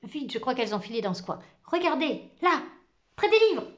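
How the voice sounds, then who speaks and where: A woman voicing a cheerful, eccentric schoolteacher who talks in quick, eager bursts, in a storybook reading. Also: high-pitched, lively intonation, fairly bright tone, lo-fi sound, pitched above the performer's own voice.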